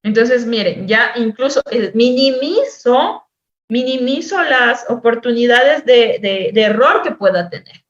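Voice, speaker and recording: A woman teacher-therapist giving a lecture on spelling intervention, explaining patiently, repeating words and drawing out sounds slowly as examples. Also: fairly high pitch. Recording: echoey room, dull lo-fi sound.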